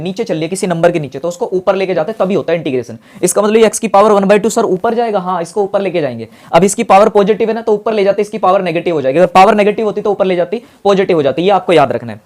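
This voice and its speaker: A man teaching a maths lesson. He asks questions aloud and answers them himself, repeats key steps, and calls his students brother in a friendly way. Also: high-pitched.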